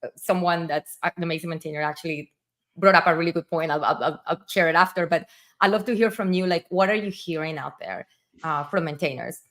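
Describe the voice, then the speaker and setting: On a casual livestream, a woman with a Spanish accent, Spanish being her native language, keeps up enthusiastic, filler-heavy chatter. Her voice is on the low side and a little bright, and she speaks briskly.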